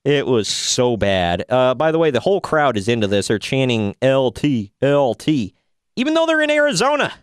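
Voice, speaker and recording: A man's voice: medium pitch, sing-song, fairly quick, few pauses, clear, resonant tone, no room sound, clean studio sound. A man co-hosting a podcast, giving a sarcastic, rambling recap in casual chat. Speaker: podcast co-host.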